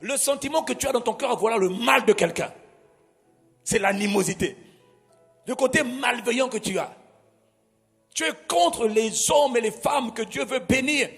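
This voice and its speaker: A man's voice: very high voice, lively intonation, moderate pace, gravelly, long pauses, fairly bright tone, slightly rough, big-room sound, soft background music. A man preaching a sermon. He preaches emphatically, asking the congregation to repeat words after him. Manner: emphatic, call-and-response preaching. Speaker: pastor.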